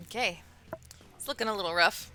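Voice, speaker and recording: A woman's voice: mid-range voice, brisk, sharp tone, soft background music. A woman running a tabletop game as dungeon master, laughing often as she narrates and rules.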